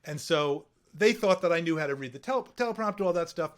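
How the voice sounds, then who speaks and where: A man in a casual conversation, a medical correspondent who tells lively stories and laughs often. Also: a little high, fast talker. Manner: lively storyteller who acts out quoted voices.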